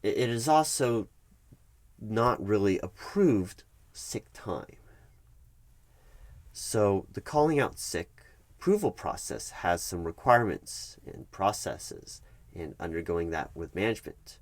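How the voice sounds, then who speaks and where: In a one-sided ASMR roleplay, a man plays a stern, bureaucratic HR manager who explains things in a measured, officious manner with halting emphasis. His voice is lowish with lively intonation, and there's no echo.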